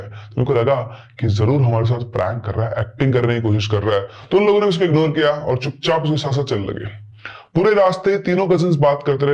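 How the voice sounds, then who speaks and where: A man's voice: fairly high pitch, a little mellow. Man casually telling a ghost story. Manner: chatty, acts out characters' quoted lines. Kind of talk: casual horror story narration. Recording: dull lo-fi recording.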